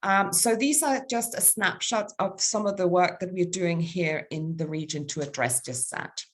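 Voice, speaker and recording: Danish-accented woman giving a halting talk. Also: fairly low pitch. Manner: halting, many ums and uhs, lists points. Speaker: conference speaker. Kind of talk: formal presentation with hesitations.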